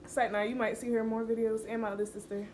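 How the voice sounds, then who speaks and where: Higher-voiced young woman hosting a vlog. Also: flat delivery, very fast. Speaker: host of video channel. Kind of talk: casual playful vlog chat. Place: home kitchen, indoors. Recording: clear room noise.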